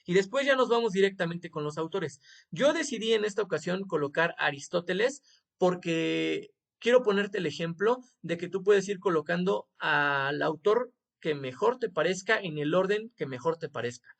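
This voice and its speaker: A man walks a student through an assignment in a screen-recorded tutorial lesson. His voice sits high with a gravelly edge, and he keeps it informal, tossing in quick tag questions as he goes. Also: expressive. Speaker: teacher.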